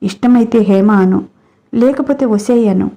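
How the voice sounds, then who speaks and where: Woman doing a hurt, sharp-tongued young bride in a read-aloud story, mellow timbre. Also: a little high, normal speed, lightly acted. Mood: angry. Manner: emotional, scolding. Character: young wife, landlord's daughter, hurt and fiery. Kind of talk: storybook character reading.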